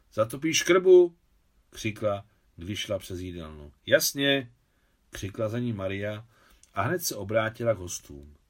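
A man narrating a novel, reading the dialogue lines in a higher voice for the women. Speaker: audiobook narrator.

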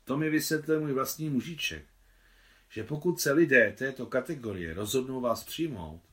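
A man's voice: mid-range voice, expressive, fairly bright tone, voice pushed up, close to an everyday voice. A man voicing a shrewd, talkative woman, a marshal's wife, in an audiobook reading, chatty and lecturing. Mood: confident. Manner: chatty, self-assured, lecturing.

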